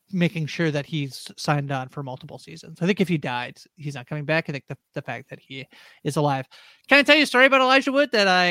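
Brief: woman podcast host, lively swinging pitch, bright tense tone, self-mocking storytelling. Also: dry recording. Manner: animated, self-deprecating storyteller. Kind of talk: casual chat.

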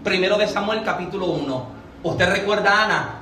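A woman preaching a fervent sermon, building to shouted peaks. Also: medium pitch, a little fast, echoey room.

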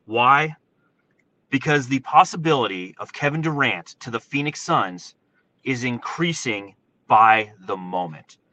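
Bright, forceful American man talking from inside a car. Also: mid-range voice, dull audio. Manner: animated, informal, emphatic with rhetorical questions. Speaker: sports podcast host. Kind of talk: excited solo sports commentary, casual livestream. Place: inside a parked truck in a parking lot.

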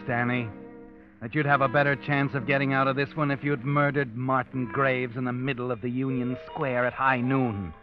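A man narrating a 1940s radio drama in the second person, brooding and measured. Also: mid-range voice. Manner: brooding, measured, addresses the hero as you. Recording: dull old radio broadcast with music.

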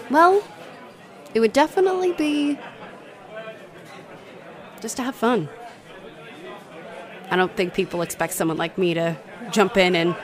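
A woman's voice: lowish voice, lightly acted. A young woman voicing a bubbly female bartender who is a starstruck fight fan, gushing, apologizing and laughing nervously. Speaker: roleplay voice performer. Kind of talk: audio roleplay acting.

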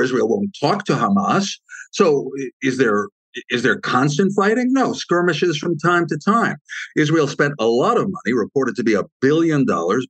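A man's voice: medium pitch, fairly bright tone, dry recording, rough recording. Man explaining at length, dry sound. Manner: measured, explanatory, with frequent asides. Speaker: guest expert on Israel. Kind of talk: explanatory interview answer.

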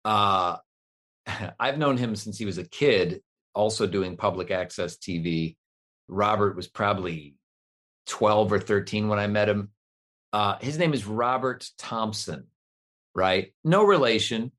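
Rambling low-voiced middle-aged man. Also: unhurried, a bit bright. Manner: rambling, self-deprecating, many fillers and restarts. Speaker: voice actor guest. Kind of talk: casual interview chat.

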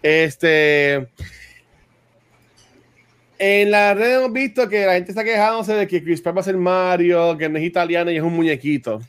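Man, Puerto Rican accent, high voice, animated casual podcast chat, mixes English in. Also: normal speed, clean tone. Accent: Puerto Rican Spanish. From Puerto Rico. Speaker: podcast co-host.

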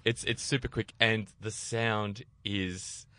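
Deep-voiced male car co-host with a dry, close sound, excitable and joking. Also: takes it slowly, smooth, no echo. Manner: enthusiastic, self-correcting, jokey. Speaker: co-host reviewing cars. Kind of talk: casual car chat.

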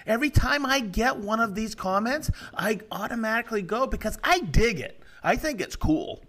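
A middle-aged man co-hosting a casual podcast, animated and quick to laugh. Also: high-pitched, slight background noise. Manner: animated, laughs loudly and often, reads comments in mock voices. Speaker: podcast co-host. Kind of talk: casual chat.

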